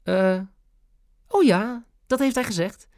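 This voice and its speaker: A man voicing a cheeky, scheming old grandmother in a storybook reading, high and spirited. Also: takes it slowly, a little mellow, no room sound. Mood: eager.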